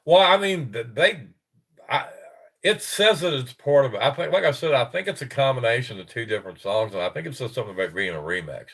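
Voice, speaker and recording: Congested and stuffy-sounding, a middle-aged livestream host reads reports to his audience, rambling, chuckling and cutting himself off. He talks a little fast with lively intonation, his medium-pitched voice a bit bright and slightly rough.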